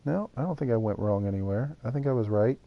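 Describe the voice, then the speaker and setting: Chatting with viewers during a live stream of a building game, a man thinks aloud as he constructs. His medium-pitched, creaky voice is animated and fast, and the recording sounds muffled.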